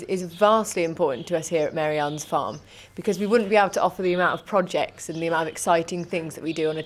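A woman's voice: lowish voice, slight background noise. A young woman, a farm operations manager, answering interview questions outdoors in a chatty, enthusiastic way, often repeating words as she thinks. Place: outdoor animal pen.

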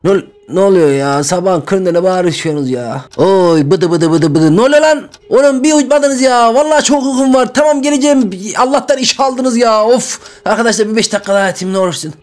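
A man playing a comic grumbling character over Roblox gameplay, excitable and often shouting. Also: high voice, a little fast, hardly any pauses. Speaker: gaming YouTuber.

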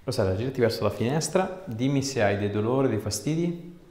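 This osteopath sounds animated, brisk and warm, with a medium-pitched voice, as he casually gives a patient encouraging, reassuring instructions. It's recorded in a small indoor treatment room on a distant mic, so there's echo and faint noise.

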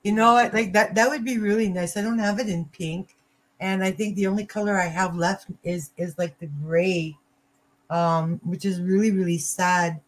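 An older woman chatting casually as a livestream host, halting and often rephrasing herself. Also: medium pitch, fairly even intonation. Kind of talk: casual chat. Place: small cluttered room at home. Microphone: computer mic on a video call.

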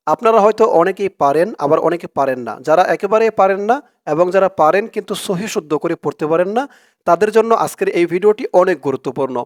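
A man with a Bangladeshi Bengali accent, a religious teacher giving a recitation lesson, explaining plainly and then chanting words slowly and drawn-out for the listener to repeat. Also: sits high, no echo, studio quality.

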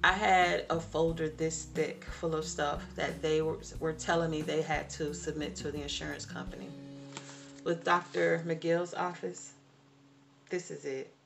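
With music playing underneath, a vlogger in her forties speaks a little slowly in a low, steady, creaky voice from her home kitchen. Talking straight to viewers, she's emphatic and repeats words for stress, captured by a camera or phone in front of her.

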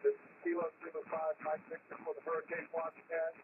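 A man running an amateur radio net as control operator. He speaks in measured, formal radio procedure, repeating his call sign, and is heard over shortwave radio with static. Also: a little high, monotone. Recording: narrow-band static-laden shortwave radio reception.

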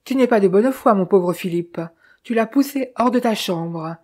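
A woman's voice: mid-range voice, normal speed, warm tone, lightly acted. A woman voicing Austin, a stern man pressing his brother to confess, who talks in an insistent, questioning way.

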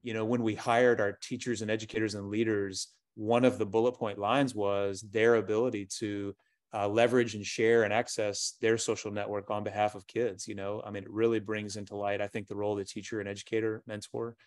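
A man's voice: lowish voice, little pitch movement, fairly quick, dry recording, clean studio sound. A man who leads a school, speaking on a video-call panel and running through a list of ideas with many fillers along the way. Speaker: school leader. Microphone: webcam on a video call.

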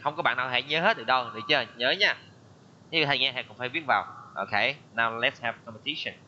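A male English teacher runs an online class, saying each word in English and then explaining it. His voice is bright and forceful, and the call audio sounds muffled and lo-fi. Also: mid-range voice, fast, slight background noise. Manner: mixes English words with Vietnamese explanations. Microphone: computer mic on a video call.

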